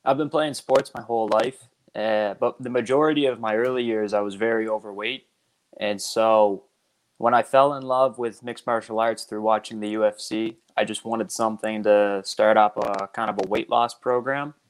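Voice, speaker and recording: A man's voice: lowish voice, steady tone, normal speed, rough recording. A man speaking as a fighter being interviewed, answering casually in an earnest, explanatory way. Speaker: MMA fighter, podcast guest.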